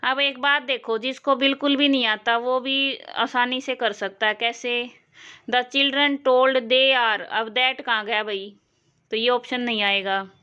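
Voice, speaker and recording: A woman from Haryana leads an exam-prep lesson in a bright, clear, slightly high voice. She talks slowly and patiently, checking back with her students as she goes. The recording is a little dull and lo-fi. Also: steady tone. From Haryana, India. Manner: slow, explanatory, asks learners questions. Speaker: English teacher.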